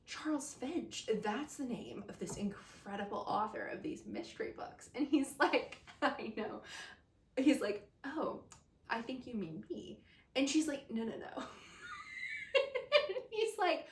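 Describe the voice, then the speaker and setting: Chatty, gushing woman reviewing books, a touch high-pitched, mic set back from her. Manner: chatty and gushing, with frequent laughs. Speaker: book reviewer. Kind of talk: casual chat. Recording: roomy sound from a distant mic.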